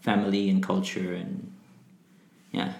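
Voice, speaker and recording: Speaking in a low, completely flat voice with vocal fry, this young Brazilian man, whose first language is Portuguese, keeps a measured pace as a guest on a casual podcast. The tone is a little mellow, the room echoes, and his talk rambles with frequent fillers and restarts.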